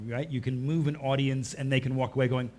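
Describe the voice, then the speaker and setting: A man's voice: medium pitch, level tone, a little fast, a little mellow, slight background noise. A man moderating a live festival panel, easygoing and conversational as he prompts the speakers. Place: festival stage before an audience.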